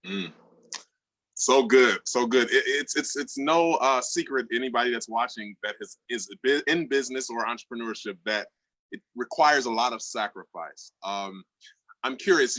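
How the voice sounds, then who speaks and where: A male podcast host asks his guest questions in a bright, forceful voice. The sound is dry and close. He opens with appreciative remarks, then searches for his words with small restarts. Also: mid-range voice, moderate pace, dry recording, low-quality recording. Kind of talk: casual interview questions.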